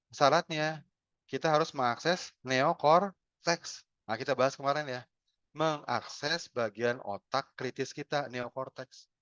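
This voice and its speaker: Male webinar trainer, dry dull call audio, animated explainer. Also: mid-range voice, no room sound. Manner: animated, acts out little dialogues. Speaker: health communication trainer. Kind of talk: webinar lecture with acted examples.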